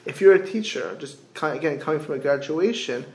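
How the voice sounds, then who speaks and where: A man in middle age teaches in the informal way of a rabbi giving a class. His voice sits a little high for a man. He restarts and repeats phrases and asks rhetorical questions, and the room around him is clearly echoey. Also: expressive, a little fast. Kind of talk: informal sermon, explaining texts with anecdotes.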